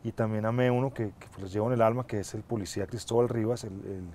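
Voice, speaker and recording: A middle-aged man, an actor being interviewed on a TV studio set, answering in a reflective, measured and earnest way on a lapel mic. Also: fairly low pitch, fairly even intonation, mellow, a little hiss or hum. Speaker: actor guest. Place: TV studio set, seated in armchair.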